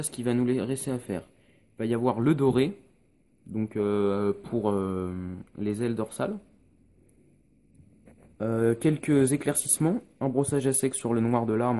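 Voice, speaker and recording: A man's voice: medium pitch, warm tone. A man giving a casual painting tutorial, recorded on a phone, explaining each step with many hesitations.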